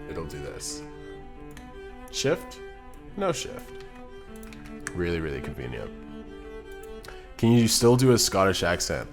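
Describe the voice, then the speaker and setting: A man streaming live, chatting casually and rambling as he reads out and answers viewer messages. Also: sits low. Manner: rambling, chatty, reacts to chat and laughs often; reads chat messages aloud and answers them.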